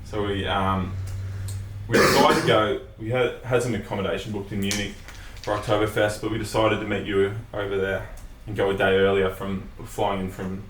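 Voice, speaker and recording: A man's voice: fairly low pitch, level tone, moderate pace. A young Australian man, a guest in a casual chat, telling a story with lots of fillers and the odd swear. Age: young adult. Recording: roomy sound, mic at a distance, faint hiss.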